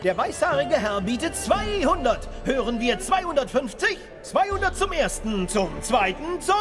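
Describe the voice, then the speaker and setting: An actor playing a showy, courteous auctioneer in a fantasy game, calling bids with formal theatrical patter. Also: male voice, very high voice, sing-song, normal speed, music in the background. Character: showy, courteous male auctioneer addressing genteel guests.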